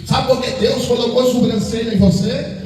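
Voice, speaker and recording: A man's voice: extremely high pitch, steady tone, normal speed, darkish tone. A man, preaching a sermon as pastor, emphatic and full of repeated rhetorical questions. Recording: echoey hall, distant mic, faint noise.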